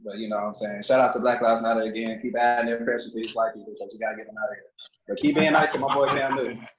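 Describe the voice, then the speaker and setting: A man on a sports podcast, loose and easygoing, handing out shout-outs before he leaves. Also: medium pitch, steady tone, very fast, crowd noise. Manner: loose, repeats shout-outs, signs off with a laugh. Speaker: podcast guest. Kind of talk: casual sports podcast chat. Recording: roomy, slightly muffled remote line.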